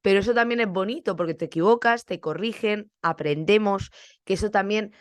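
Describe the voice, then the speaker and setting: A woman's voice: medium pitch, brisk, no room sound. A young woman teacher from Spain, with a Spanish accent, chatting casually on her podcast and acting out bits of classroom dialogue.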